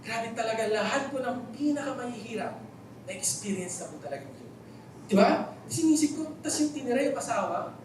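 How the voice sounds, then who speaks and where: A man's voice: very high-pitched, animated, a little fast. A man with a Filipino accent, preaching a sermon in a church hall, telling stories with jokes and asking the congregation questions. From Philippines. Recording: very echoey hall, voice from far off, faint noise.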